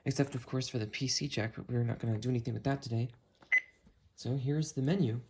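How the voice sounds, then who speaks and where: A gadget review host speaks at a quick pace in a steady, medium-pitched voice, keeping things casual and chatty while handling the product. The indoor home recording is noisy, picking up clicks and handling.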